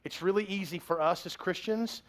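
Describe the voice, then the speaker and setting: A man's voice: high-pitched, moderate pace, fairly bright tone. A man in his forties preaching a sermon as pastor, in a conversational, joking way.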